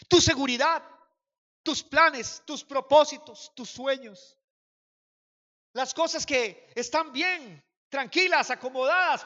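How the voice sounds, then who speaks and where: A man preaching a sermon to a congregation as pastor, swinging from quiet speech to impassioned shouting and calling on listeners to repeat after him and raise their hands. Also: very high voice, big-room sound, muffled recording. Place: church hall.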